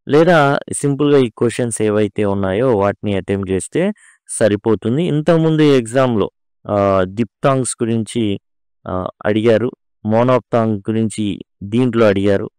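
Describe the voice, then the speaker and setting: A man's voice: fairly low pitch, darkish tone, clean tone, dry recording. A man teaching English phonetic transcription to students, patiently repeating each word as he writes it out.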